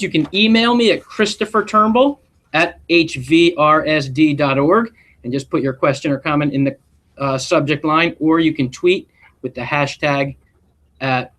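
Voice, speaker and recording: Sounding a little high, a man reads a picture book aloud the way a principal would to schoolchildren. His storytelling is expressive and deliberate, broken up by short asides.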